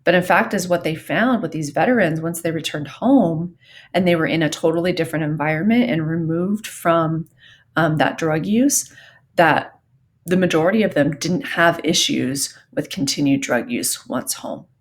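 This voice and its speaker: A woman's voice: deep voice, moderate pace. A woman from Southern California giving recorded psychology lecture notes in a conversational way, with frequent ums and the odd y'all. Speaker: psychology teacher.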